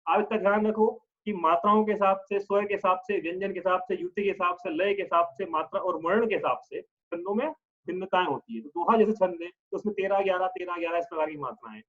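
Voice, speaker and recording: A male religious teacher gives a patient lesson, explaining step by step and often checking in with listeners, and chants verses slowly in a drawn-out tune. His voice sits high and a bit bright, with lo-fi sound.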